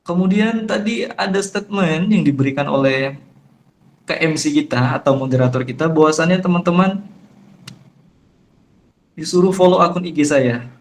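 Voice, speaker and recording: A man's voice: a little high, moderate pace, pauses often. A young man with a Sumatran, Palembang-tinged Indonesian accent, an ustadz giving a chatty, firm Islamic lecture to friends in an online session over a phone call. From Jambi, Sumatra. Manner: chatty, addresses listeners as friends, firm emphatic tone. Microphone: phone on a video call.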